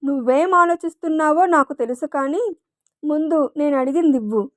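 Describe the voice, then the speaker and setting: A teasing young lover in a read-aloud romance story, put on by a woman narrator. He needles his beloved, playful and sure of himself. The high voice sits close and dry. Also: moderate pace, dry recording, close to an everyday voice.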